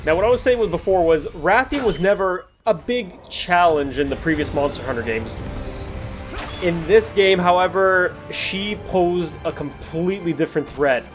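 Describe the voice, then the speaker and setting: A man hosts a gaming video, offering casual, digressive commentary over recorded gameplay, apologetic and often backtracking to earlier points. His voice sits high at a moderate pace, with music playing over it.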